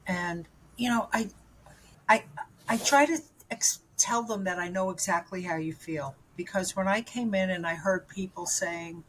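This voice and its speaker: Unhurried and low-voiced, this New York woman in her seventies recounts her life as an interview guest. She rambles candidly, full of fillers and false starts, and the rough recording carries slight background noise.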